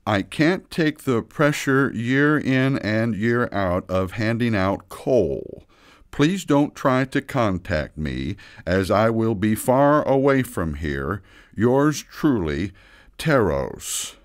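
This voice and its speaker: A man playing Santa as an earnest, flustered older father who speaks haltingly in a children's audio story. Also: lowish voice, animated, no echo, clean studio sound. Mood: exasperated. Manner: halting, emotional, deliberate pauses.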